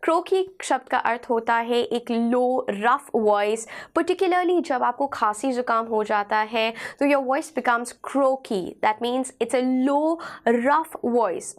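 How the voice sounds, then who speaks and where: An Indian woman teaches an online English lesson, her slightly high voice hoarse from a sore throat. She speaks patiently and repeats key phrases slowly.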